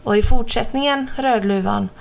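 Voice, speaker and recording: Storybook grandmother, old and gentle, slow and high; a woman voices her. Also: gravelly. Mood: admonishing. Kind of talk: storybook reading.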